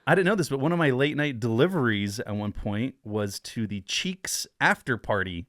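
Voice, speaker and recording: A man's voice: mid-range voice, lively intonation, normal speed, fairly bright tone. A middle-aged man from New Mexico, a podcast guest telling rambling, laughing stories and swearing freely. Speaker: podcast guest, pizza consultant. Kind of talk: casual chat, storytelling.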